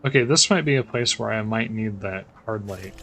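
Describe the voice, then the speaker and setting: Bright-voiced man thinking aloud over gameplay. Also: lowish voice, slight background noise, poor audio. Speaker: gameplay streamer. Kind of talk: casual gameplay commentary.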